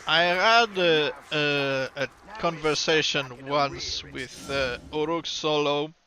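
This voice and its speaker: A man giving casual, rambling gameplay commentary in a halting manner, as a streamer would. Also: on the high side, bright, forceful tone. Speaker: game streamer.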